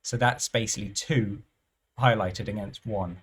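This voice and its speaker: A man talks through live roulette play in a thinking-aloud commentary, his voice sitting on the low side. He muses at an unhurried pace, trailing off and restarting his phrases as he works things out. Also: steady tone, slightly rough. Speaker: roulette strategy presenter.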